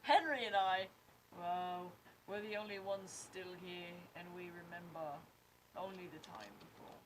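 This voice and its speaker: Woman, tabletop player, tipsy, jokey, swears a lot, fairly low voice, noisy recording. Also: fairly even intonation, measured pace. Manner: joking, swearing, loose. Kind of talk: casual tabletop play. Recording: noisy stream audio.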